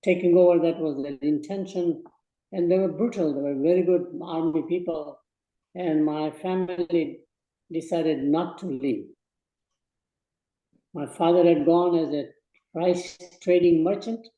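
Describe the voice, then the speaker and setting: A man in his eighties from Burma, giving slow, measured advice in a speech to students. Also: on the high side, fairly even intonation, echoey room, muffled recording. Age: 80s. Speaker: guest speaker.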